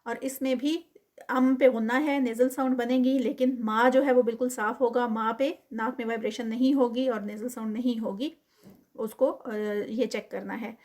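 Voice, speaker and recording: Woman teaching Quran recitation, slightly high-pitched. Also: fairly even intonation, a little mellow. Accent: Pakistani Urdu. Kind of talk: tajweed lesson, modelling each word then explaining.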